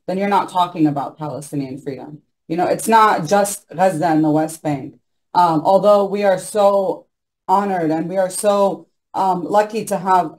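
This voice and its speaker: A woman's voice: on the low side, a little mellow, poor audio. A young woman speaking as a panelist on a video call from a small room, earnest and insistent, with many ums and you-knows. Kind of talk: impassioned panel talk. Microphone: laptop mic on a video call.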